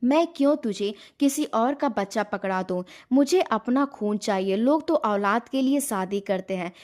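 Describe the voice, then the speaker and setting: A woman's voice: a little high, expressive, moderate pace, a little mellow, natural voice. A woman voicing a stubborn older mother who nags and scolds her son. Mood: scolding.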